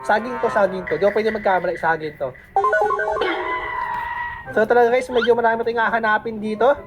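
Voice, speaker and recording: A chatty Filipino woman gives light, playful commentary while she plays, mixing Tagalog and English. Her voice sits a little above the usual female range. Game music plays clearly underneath her. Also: fairly high pitch, fairly even intonation, a little fast, poor audio. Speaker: gaming channel host.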